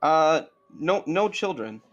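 A man's voice: fairly high pitch, sing-song, slow pace, highs cut off, soft background music, voice pushed up, full character voice. A man voicing a flustered, apologetic human woman bartender in a tabletop game. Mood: stern. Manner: apologetic, suspicious.

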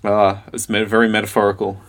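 A man's voice: fairly low pitch, flat delivery, fairly bright tone. Laughing, playful young Australian man. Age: young adult. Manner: quick, laughing, playfully provocative. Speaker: podcast co-host. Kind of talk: casual comedy chat.

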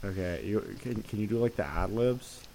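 A man's voice: fairly low pitch, normal speed, creaky, over a noisy crowd, low-quality recording. A man hosting a podcast, playful and upbeat, leading the group in casual chat. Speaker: podcast host.

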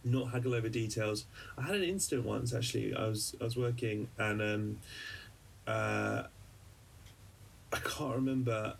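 A man's voice: medium pitch, moderate pace, vocal fry, recorded from a distance, a little hiss or hum. A man co-hosting a podcast, telling a personal story in a rambling, hesitant way with many restarts. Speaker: podcast co-host; journalist. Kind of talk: casual conversational storytelling.

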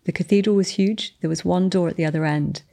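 A woman earnestly telling a testimony of a spiritual encounter, with restarts and slowed, emphatic phrases. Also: fairly low pitch, gravelly, mellow. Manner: descendant of the Boleyn family telling a spiritual encounter. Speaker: guest sharing a testimony. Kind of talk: storytelling testimony.

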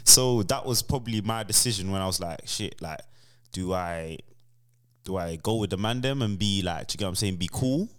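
Low-voiced London roadman chatting. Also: fairly quick, fairly bright tone, clean tone. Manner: street slang, frequent checking tags. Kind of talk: casual chat, telling an anecdote.

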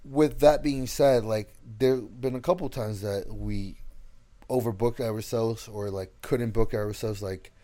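A man's voice: on the low side, fairly even intonation, measured pace, warm tone. A man co-hosting a casual podcast, talking loosely and leaning on "like" and other fillers. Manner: loose, filler-heavy, often uses "like". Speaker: podcast co-host. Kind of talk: casual chat.

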